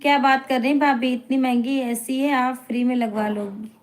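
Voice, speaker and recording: High-voiced chatty woman live streamer. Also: little pitch movement, moderate pace. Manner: chatty, teasing, laughs often. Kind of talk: live-stream chat, reading viewer comments aloud.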